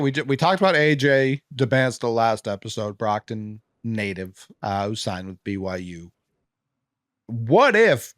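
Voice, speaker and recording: A man with a Boston accent hosts a casual sports podcast, talking fast and animated, swearing freely and restarting his sentences. His voice sits at a middling pitch. The sound is close and dry, with no room echo. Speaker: podcast host.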